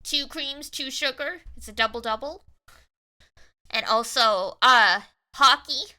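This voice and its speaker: A Canadian woman chats casually with an animated, cute anime-girl voice while streaming a video game. She takes it slowly, her voice high with a sharp tone.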